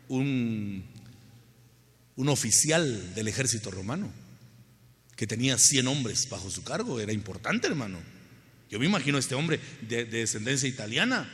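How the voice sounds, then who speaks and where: A man's voice: mid-range voice, bright, forceful tone, in a large hall. A male pastor with a Guatemalan accent preaching an impassioned sermon and calling out to his congregation. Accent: Guatemalan Spanish. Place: church.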